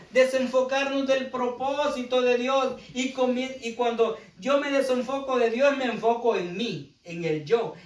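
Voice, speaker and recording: A man preaching a fervent sermon, often calling out to the congregation. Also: very high voice. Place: church hall. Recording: echoey church room, from far off.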